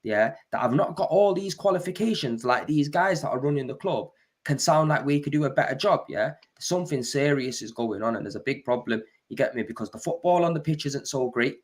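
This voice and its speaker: A man's voice: medium pitch, expressive, a little fast. A man, a football fan complaining in casual chat, often tagging lines with "bro" and "you get me".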